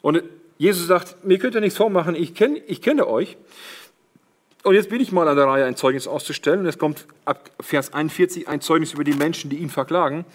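Fervent German preacher, high-set voice. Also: male voice, a little fast. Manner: addresses congregation as siblings, quotes Jesus with emphasis. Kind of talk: sermon.

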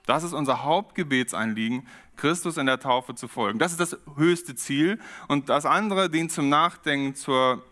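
A man preaching a sermon, reflective and steady, often posing questions to his congregation. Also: fairly high pitch, normal speed, hardly any pauses. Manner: reflective, poses rhetorical questions.

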